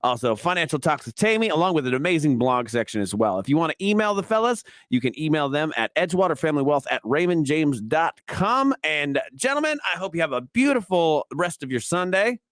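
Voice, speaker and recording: A man hosts a radio money show in an easygoing way and laughs often. His pitch moves a lot, and he sounds lively. The recording is dry and close. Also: a little fast, hardly any pauses, dry recording. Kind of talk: casual radio talk.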